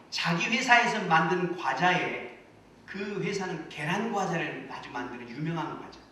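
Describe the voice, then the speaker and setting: Korean pastor type, man, slightly high voice, earnest preaching, picked up from afar in a very echoey sanctuary. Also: pushed and bright. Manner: earnest preaching, rising to emphatic exhortations. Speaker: senior pastor. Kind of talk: sermon. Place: church sanctuary. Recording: echoey church hall, mic at a distance.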